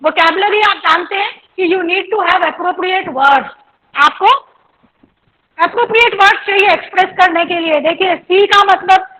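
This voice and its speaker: Indian woman English teacher, slow deliberate lecture, bright high voice, repeats examples. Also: poor audio. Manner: drills words slowly, repeats examples, checks understanding. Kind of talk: classroom lecture on pronunciation.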